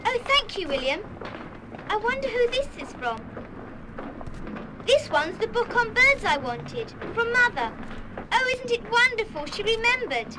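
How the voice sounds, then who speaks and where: A woman's voice: very high voice, very animated, measured pace, pauses often, very noisy, heavily acted. An actress playing a shy, sweet schoolgirl of about eleven in a children's radio play, speaking earnestly. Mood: delighted, touched. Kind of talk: 1970s full-cast children's radio play acting.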